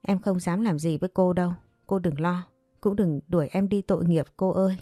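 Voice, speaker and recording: A woman's voice: lowish voice, fairly even intonation, a little fast, mellow, no echo, clean studio sound, soft background music, lightly acted. Woman doing a meek pleading servant girl.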